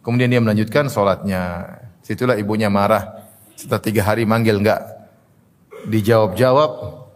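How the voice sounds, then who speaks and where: A man's voice: on the low side, steady tone, moderate pace, a little hiss or hum. Man teaching in a reverberant hall. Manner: explains Arabic terms and narrations, often adds "ya" and "apa namanya". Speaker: Islamic teacher. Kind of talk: religious study lecture.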